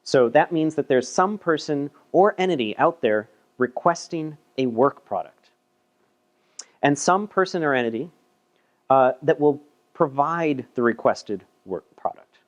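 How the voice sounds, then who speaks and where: A man's voice: a little high, lively intonation, measured pace. A man giving a casual, chatty technical talk at a meetup, presenting a paper with self-deprecating asides and frequent repeated words. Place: meetup room.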